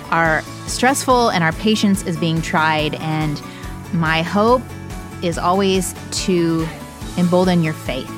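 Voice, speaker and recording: A woman hosting a conversational podcast in an earnest, encouraging way. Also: lowish voice. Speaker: podcast host.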